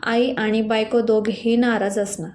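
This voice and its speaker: Gentle woman narrating a story. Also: fairly high pitch, level tone, measured pace. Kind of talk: scripted narration.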